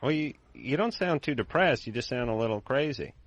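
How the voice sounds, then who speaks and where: A man's voice: mid-range voice, animated, fairly quick, no room sound, dull audio. A man co-hosting a call-in radio show, joking sarcastically with callers.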